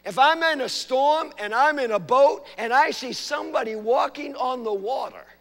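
Male pastor, high-pitched, dynamic preaching delivery, church reverb. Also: moderate pace. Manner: preaching with big swings from hushed to loud. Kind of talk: sermon. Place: church sanctuary.

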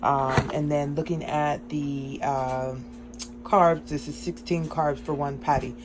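In her cramped home kitchen, an upbeat vlogger walks through a casual grocery haul, speaking slowly in a low-pitched voice. She's chatty and excited, often pausing on ums, and the phone recording has a clear layer of background noise.

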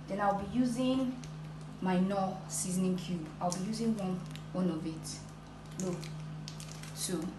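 A woman's voice: medium pitch, a little slow, pauses often. Woman walking through her cooking. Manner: plain step-by-step, addresses viewers as "guys". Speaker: cooking vlogger. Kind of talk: casual cooking walkthrough. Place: home kitchen, indoors. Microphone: phone camera. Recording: echoey kitchen with loud background noise.

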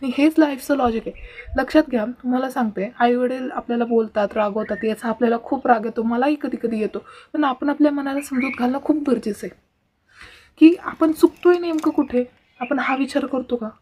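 A woman's voice: sits high, fairly quick, a little mellow. A teenage girl hosting a casual advice vlog, earnest and lecturing, speaking straight to her viewers. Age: teens. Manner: earnest, lecturing, keeps addressing viewers directly. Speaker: vlogger host.

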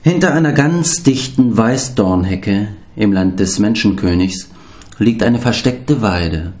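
Man reading a children's story, low voice, unhurried and calm. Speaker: audiobook narrator. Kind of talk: children's audiobook narration.

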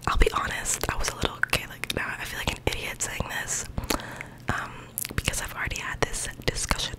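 A woman's voice: brisk, low-quality recording. A young adult woman speaks in an intimate whisper close to the microphone, rambling casually in an ASMR style. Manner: rambling, informal, full of "like". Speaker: ASMR creator. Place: small bedroom, indoors. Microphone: large microphone with foam cover, very close.

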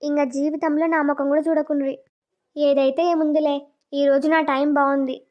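A sly young sister-in-law in a village cartoon who mutters her plots aloud, as a woman voices her. Her voice sits very high, and the audio sounds dull and lo-fi. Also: level tone, a little fast, close to an everyday voice. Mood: plotting. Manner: muttering to herself, plotting.

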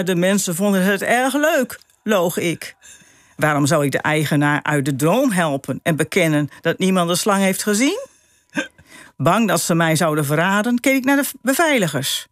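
A woman's voice: on the low side, no room sound. A woman reading aloud from her own memoir in a radio studio, telling the story expressively and leaning into the quoted dialogue. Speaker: author and guest.

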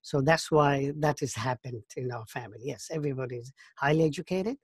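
A man in his fifties from Bangladesh, recalling his life in an interview, talking thoughtfully with halting restarts. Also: mid-range voice, slightly rough, no room sound, clean studio sound. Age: 50s. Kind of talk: oral history interview.

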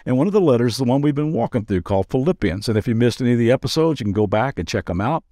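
A man's voice: mid-range voice, expressive, racing, warm tone, dry recording, studio quality. A man pastor giving a daily devotional podcast talk in an earnest, conversational way, with playful asides.

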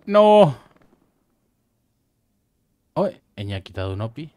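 A young man with a Murcian Spanish accent, giving playful mock-documentary commentary over game footage and jumping into excited yelps. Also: medium pitch. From Murcia, Spain. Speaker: gaming streamer. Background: faint game gunfire and explosions.

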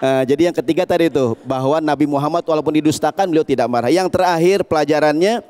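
A male preacher giving a lively televised religious talk, telling stories and chanting verses slowly. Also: fairly high pitch, clear, resonant tone, long reverb tail.

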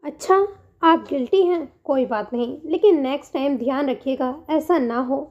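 A woman's voice: sits high, normal speed, muffled recording, natural voice. A woman voicing a serious, formal young male senior doctor in a storybook reading. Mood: stern. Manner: stern, formal and clipped.

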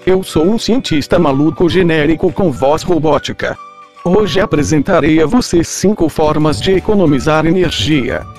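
A man voicing a generic mad scientist with a robotic voice, giving a scripted deadpan lecture. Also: on the high side, normal speed, soft background music. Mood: lecturing. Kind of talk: comedic scripted explainer.

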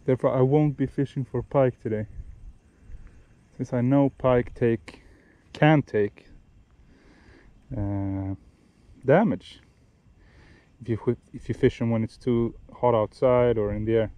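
A young man gives relaxed, explanatory fishing tips outdoors by a lake, often restarting and correcting himself mid-sentence. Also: mid-range voice, unhurried, long pauses, no echo. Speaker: fishing vlogger. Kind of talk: casual instructional talk while fishing.

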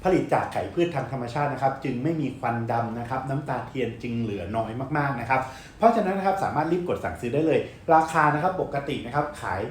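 Guy doing fast hype live seller talk, nonstop polite tags, echoey room w a bit of noise. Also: mid-range voice. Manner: repetitive polite sentence tags, urging viewers. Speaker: live-stream shop seller.

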